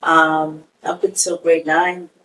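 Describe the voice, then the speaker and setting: A woman in her forties who grew up in Kenya, talking as a podcast guest. Her voice sits low and a little back from the microphone. She tells stories in an easy way and keeps dropping in "you know". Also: slow, recorded from a distance, a little hiss or hum, poor audio. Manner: relaxed storytelling with frequent "you know". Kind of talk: casual conversation.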